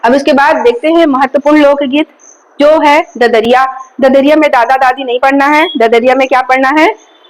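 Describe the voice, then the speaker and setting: High-voiced woman teacher. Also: fairly even intonation, normal speed, poor audio. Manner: explanatory, repeats key points and asks rhetorical questions. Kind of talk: exam coaching lecture.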